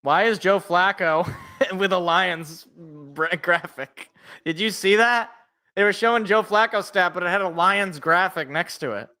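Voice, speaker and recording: Here a man in his twenties co-hosts a live football reaction stream for a sports podcast, doing play-by-play and joking self-deprecatingly with viewers. His high-pitched voice is bright and forceful, and he speaks a little slowly.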